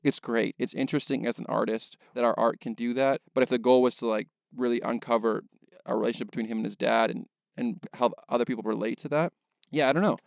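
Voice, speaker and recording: A man with a gravelly, creaky edge to his voice talks through a film in a loose podcast chat. He reasons aloud, circling his point with filler words, analytical rather than emphatic. The sound is close and dry, with no room around it. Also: mid-range voice, fairly even intonation, quick pace, no echo. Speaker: podcast co-host, filmmaker. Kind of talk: casual film discussion.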